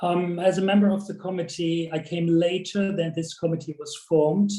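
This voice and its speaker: German man, slightly high voice, matter-of-fact, echoey room over a video call. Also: level tone, moderate pace, warm tone. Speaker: association president-elect. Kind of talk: brief self-introduction on a video call.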